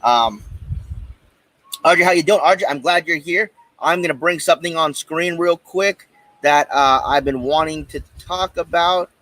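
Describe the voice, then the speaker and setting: Broadcasting his podcast live from a backyard, an American man chats casually with viewers, hesitant and rambling. His voice is fairly high and a bit bright, at a moderate pace, in a rough recording with no echo.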